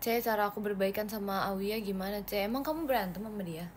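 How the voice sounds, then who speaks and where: A young woman chats playfully on a phone livestream, reading out fan comments and giggling between replies. Her voice sits at a middle pitch. A faint hiss hangs behind her. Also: fast talker. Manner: chatty, playful, giggly, reads comments aloud. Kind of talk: casual livestream chat.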